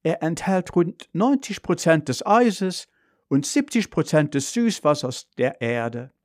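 A man voicing a polite, know-it-all robot car that speaks in an even, informative way. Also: a little high, slow, dry recording, clean studio sound, voice pushed up. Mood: lecturing. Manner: even, informative, slightly reproachful.

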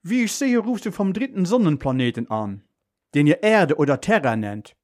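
A calm male superhero in a hurry, talking steadily and matter-of-factly over an emergency call, as a man reads him in a children's radio story. His voice sits a little high for a man and carries a slightly distant timbre. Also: normal speed. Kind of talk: school radio story reading.

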